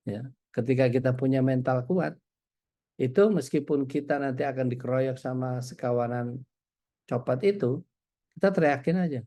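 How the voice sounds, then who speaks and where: Gravelly, mellow-voiced male preacher. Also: medium pitch. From Indonesia. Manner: relaxed, storytelling, frequent hesitations. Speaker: Islamic preacher. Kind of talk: conversational religious lecture.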